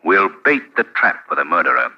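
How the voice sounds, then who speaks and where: A man playing a menacing unseen crime-fighter with a commanding, deliberate, theatrical delivery, in 1940s radio drama style. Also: sits low, sing-song. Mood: assured. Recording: dull, noisy old radio recording.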